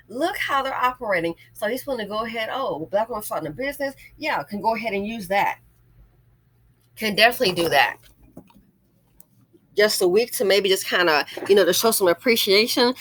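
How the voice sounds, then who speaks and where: A woman's voice: a little high, bright, forceful tone, low-quality recording. A woman giving a casual, opinionated monologue as an online host, emphatic and often repeating phrases to drive a point home. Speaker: YouTube host and small business owner.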